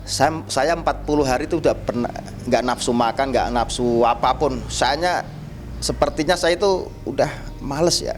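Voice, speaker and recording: A man's voice: medium pitch, moderate pace, faint music behind. A man telling a personal story casually, acting out the dialogue as he goes. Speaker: guest storyteller, spiritual healer.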